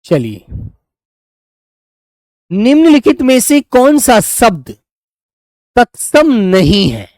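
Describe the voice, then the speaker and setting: A man's voice: high-pitched, darkish tone, dry recording, clean studio sound. A man teaching a live online quiz class, coaxing his students and calling them "beta" as he goes through the answers.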